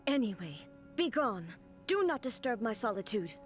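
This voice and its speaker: A calm, emotionless female puppet ruler from a video game. She speaks in a flat, mechanical, computer-like manner, with a voice pitched a little high. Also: moderate pace, soft background music. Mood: cold. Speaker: game character.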